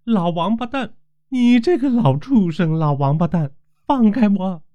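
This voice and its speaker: A man voicing a young village woman who stammers and shouts in a shrill voice. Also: lively intonation, unhurried. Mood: furious. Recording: dull lo-fi recording.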